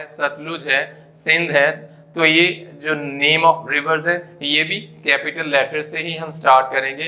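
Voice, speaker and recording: Bright-voiced man teaching grammar. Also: on the high side. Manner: explanatory, mixes English terms into Urdu; repeats points with frequent "जी" and "तो". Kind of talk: classroom grammar lecture.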